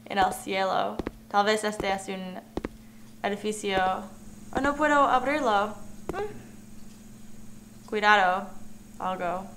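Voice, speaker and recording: Slow-talking young woman playing a game. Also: mid-range voice, fairly bright tone, slight background noise. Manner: talks to objects in the game, nervous giggles. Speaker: gamer. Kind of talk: let's play commentary.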